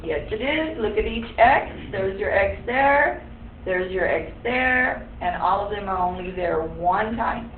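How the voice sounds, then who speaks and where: A woman's voice: mid-range voice, animated, unhurried, slight background noise. A woman teaching a class, explaining step by step and quizzing the students. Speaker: high school algebra teacher. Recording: echoey room, tinny phone-like sound.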